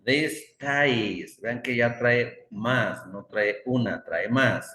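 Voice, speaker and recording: A man's voice: medium pitch, slow, a bit bright. A male English teacher explaining grammar to a class. He repeats example words over and over as he drills them, and stops now and then to correct himself. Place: classroom with students. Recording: roomy classroom echo.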